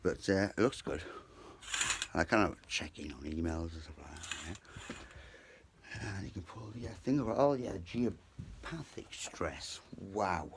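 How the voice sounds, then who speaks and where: Speaking at a moderate pace with frequent pauses, this British man rambles to his viewers from his bedroom in a digressive vlog chat. His deep voice is expressive, he struggles somewhat with his R sounds, and there is background noise.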